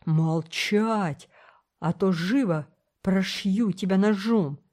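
A woman voicing a rough young male gold digger who threatens in a low, hissing voice. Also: slow pace, a little mellow, lightly acted. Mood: menacing.

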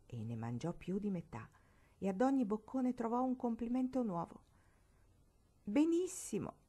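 A woman reads a classic novel aloud as narrator. Her delivery is expressive and dramatic, with an animated, wide-ranging pitch at a middle height. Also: normal speed. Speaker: storybook reader.

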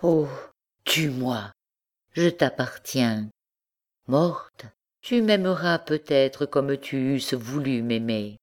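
A woman reading the lines of a devoted young wife who speaks softly and coaxingly to her husband, at a slow pace. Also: extremely low pitch, lively intonation, exaggerated voice. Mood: tender. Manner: tender, soft and coaxing.

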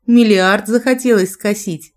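A woman's voice: a little slow, darkish tone. A woman reading a dramatic story aloud, lifting her voice for the quoted lines. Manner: dramatic, raises pitch and volume for quoted lines. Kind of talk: audiobook narration with character voices.

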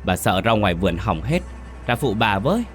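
A man's voice: fairly low pitch, sing-song, brisk, a bit bright, soft background music. A man voicing a spirit that mimics an old grandmother, coaxing and urging someone to open the door. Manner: coaxing, urgent calls.

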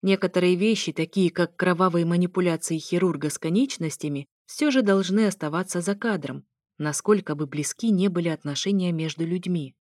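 A young woman narrating an audiobook in the first person, with a wry, ironic edge to her telling. Her voice sits on the low side, and the recording is dry and close with no room sound. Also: a little fast, a little mellow, no echo.

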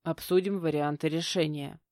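A woman puts on a stern middle-aged stepfather who grumbles and gives orders. The voice sits low and speaks curtly. It is recorded dry and close, with no room sound. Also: steady tone, moderate pace, a little mellow, no echo, lightly acted. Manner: grumbling, curt, commanding. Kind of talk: audiobook character voicing.

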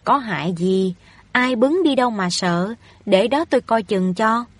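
A woman's voice: on the high side, lively intonation, unhurried, no room sound. A woman voicing a haughty wealthy young woman in a storybook reading, scolding and overbearing. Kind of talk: audiobook reading of a novel.

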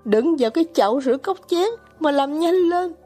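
A woman's voice: sits high, sing-song, normal speed, breathy edge, soft background music, full character voice. A woman voicing a capricious young girl who gives urgent, commanding, pleading orders in an audiobook reading. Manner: urgent, bossy, near-shouting pleas. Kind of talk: audiobook character voice.

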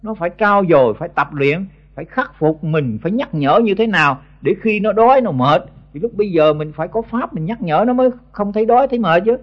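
With few pauses and a slightly fast, animated delivery, this high-pitched older man berates monks in a blunt Buddhist sermon. He's a monk teacher with a Southern Vietnamese accent, often stumbling over repeated words, heard on an old tape with the highs cut off.

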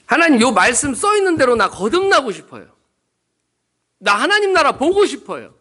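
A woman's voice: high voice, sing-song, normal speed, sharp tone, breathy edge, voice pushed up, exaggerated voice. A man voicing a young woman deacon who prays earnestly and pleads with God. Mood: pleading.

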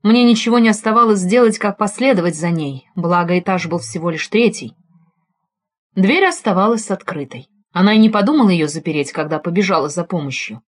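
A woman reading a first-person detective audiobook in an expressive storytelling manner. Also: lowish voice, brisk. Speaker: audiobook reader. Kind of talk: first-person scripted narration.

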